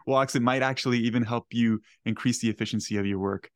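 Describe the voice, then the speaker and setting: A man's voice: medium pitch, fairly even intonation, fast talker, no room sound, studio quality. A man in his twenties hosting a podcast from his home kitchen, eager and earnest, often repeating words. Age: 20s. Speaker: podcast host. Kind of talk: podcast interview.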